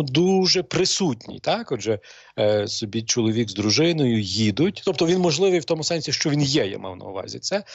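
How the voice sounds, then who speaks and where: Priest guy, middle-aged, slow and halting, gravelly voice, kinda dull dry sound. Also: on the high side, no room sound. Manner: slow and hesitant, many fillers. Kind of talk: calm talk show conversation.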